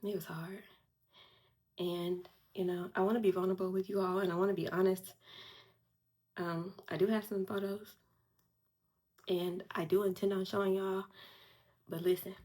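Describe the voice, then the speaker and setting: A woman's voice: medium pitch, level tone, normal speed, long pauses, a little mellow. A woman in her forties talks candidly to her viewers while doing her makeup, fighting back tears. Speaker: beauty vlogger. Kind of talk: emotional get-ready-with-me talk.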